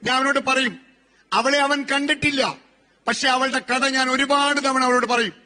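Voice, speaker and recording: A man's voice: very high voice, fairly even intonation, normal speed, pushed and bright. A man in his forties giving a motivational speech, telling stories and asking rhetorical questions. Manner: storytelling with rhetorical questions and repetition. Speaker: motivational speaker.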